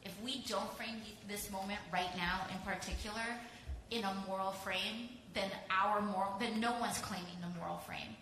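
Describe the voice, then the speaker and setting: A woman's voice: medium pitch, fairly even intonation, moderate pace, background noise. Passionate woman panelist. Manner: passionate, emphatic, repetitive. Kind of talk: impassioned panel remarks. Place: panel event hall. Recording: echoey hall.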